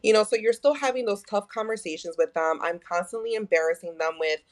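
A Texan woman in her thirties, appearing as a podcast guest, tells stories candidly in a mid-range voice at a fairly quick clip. She's open and animated, packing her talk with fillers and acting out quotes.

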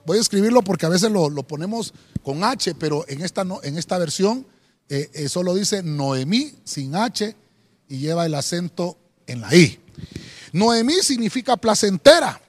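A man preaching a sermon as pastor, speaking directly to the listener and often adding "hermano". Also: sits high. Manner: preaching with rising emphasis, repeated "hermano".

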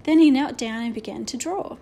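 A woman reads a children's story aloud, steady and expressive. Her voice sits a little high for a woman. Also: fairly quick, slight background noise. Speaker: audiobook narrator. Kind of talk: children's book reading.

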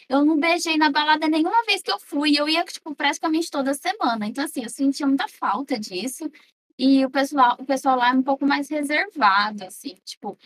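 A woman's voice: high-pitched, fairly bright tone. A young woman with a Brazilian Portuguese accent, casually recounting experiences as a guest in a group chat.

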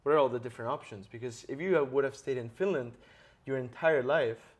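A man's voice: mid-range voice, a little fast. Earnest man coaching with tag questions. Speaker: podcast host. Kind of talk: interview conversation.

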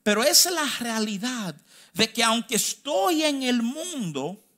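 A Dominican man preaching with a notably high voice. He leans hard on key phrases, slowing them right down, then speeds through quick asides in between. The rhythm stays emphatic throughout the sermon. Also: very animated, bright, forceful tone. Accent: Dominican Spanish. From Dominican Republic.

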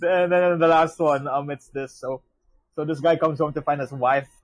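Husky-voiced young man, rambling podcast chat. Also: fairly high pitch, fairly even intonation, moderate pace, low-quality recording. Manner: rambling, swears, many restarts and laughs. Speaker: podcast co-host. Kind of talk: casual chat.

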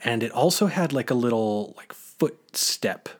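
A man's voice: medium pitch, animated, a little slow. A man co-hosting a podcast, chatting casually about a film, rambling with many fillers and restarts. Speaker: podcast co-host.

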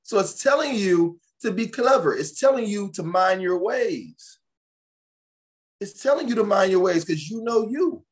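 A man's voice: high-pitched, animated, a little slow. A man in a casual podcast conversation, speaking animatedly, often restarting and repeating phrases as he gives advice.

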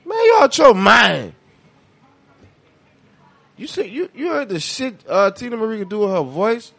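An American man in a casual, heated music debate, animated and argumentative, with slangy, profane talk. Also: sits high, measured pace, creaky, dry recording.

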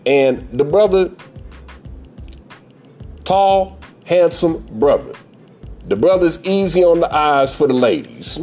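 A man talking straight to camera in blunt, profane commentary, his pitch swinging up and down as he lectures. His voice is husky and mellow, with soft music underneath. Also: big pitch swings, slow pace, pauses often. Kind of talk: casual commentary.

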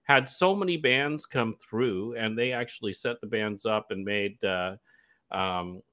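A man's voice: lowish voice, a little slow, a bit bright. A man from Canada, a guest DJ on a radio show, talking casually and enthusiastically, rambling with plenty of fillers.

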